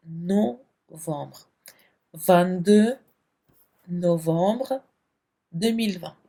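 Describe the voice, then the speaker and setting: A woman teaching an online language lesson, drilling the months slowly and patiently with many repetitions. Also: lowish voice, vocal fry, a little mellow. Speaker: French teacher.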